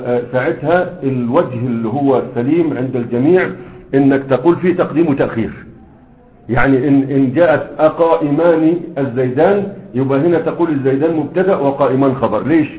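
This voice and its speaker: A man with an Egyptian accent teaching an Arabic grammar lesson, constantly quizzing his students with rhetorical questions and drilling examples one by one. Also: medium pitch. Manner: slow, repeated drilling of examples. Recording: echoey room over a thin phone-like line.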